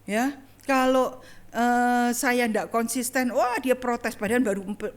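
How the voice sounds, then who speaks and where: A middle-aged woman evangelist speaks slowly in a steady, slightly high voice during an online church service. Her tone is conversational as she shares a personal story in her sermon and addresses the congregation directly.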